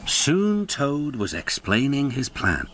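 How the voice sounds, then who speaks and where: Expressive male storybook narrator. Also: mid-range voice, a little hiss or hum. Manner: expressive, measured.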